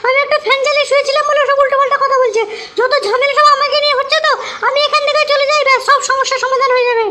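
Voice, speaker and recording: A woman's voice: extremely high pitch, steady tone, racing, pushed and bright, slight background noise. A woman playing an indignant middle-aged mother-in-law in a comic audio drama, scolding and fed up. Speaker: mother-in-law visiting her daughter's home.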